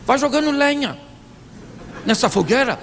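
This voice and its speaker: Before an audience in a church hall, a pastor with a Brazilian Portuguese accent gives a comic, stand-up style sermon in a very high, animated, fairly bright voice at a moderate pace. He playfully acts out quoted voices and quizzes the crowd with "sim ou não." Live hall reverb, a faint audience, and slight hiss or hum color the recording.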